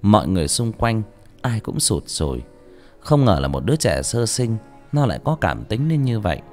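A man reading a horror story aloud as an audiobook narrator, slow and grave. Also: fairly low pitch, sing-song, darkish tone. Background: faint music.

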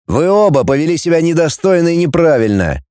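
A man's voice: fairly high pitch, very animated, brisk, mellow, clean tone, no room sound, clean studio sound, voice pushed up. A man voicing a cold, haughty middle-aged male professor who speaks in an icy, superior, formal way.

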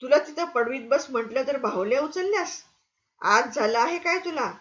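A sharp-tongued, middle-aged innkeeper's wife, as a woman reader puts her on, nagging and insulting in a shrill, raised voice. She sits a little above the reader's usual pitch. A dull, lo-fi storybook recording. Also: normal speed. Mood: scolding.

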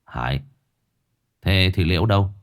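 A man voicing a troubled young man haunted by ghosts, muttering low and worried. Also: animated, unhurried.

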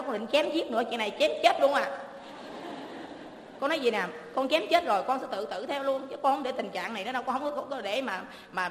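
A woman's voice: a little high, slight background noise. A middle-aged woman with a Southern Vietnamese accent, telling her own life story in an emotional, pleading rush of words. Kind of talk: emotional personal testimony. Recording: echoey hall with faint ambience.

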